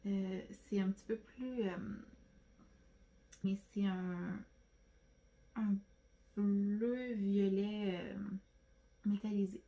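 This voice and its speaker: A Québécois woman vlogger talks through her nail products on camera, in a casual, rambling way full of fillers. Her voice is mellow and dark, held in a narrow, level pitch. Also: steady tone, extremely slow, long pauses. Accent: Québécois French. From Quebec, Canada. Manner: chatty, rambling, many fillers and restarts. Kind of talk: casual product haul chat.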